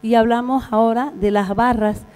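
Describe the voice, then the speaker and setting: A woman's voice: on the high side, fairly even intonation, darkish tone, smooth, soft background music. Bolivian woman lecturing in a reverberant hall. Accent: Bolivian Spanish. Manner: halting, frequent fillers and restarts. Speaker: veterinary surgeon lecturer. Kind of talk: conference lecture. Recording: reverberant hall with mains hum.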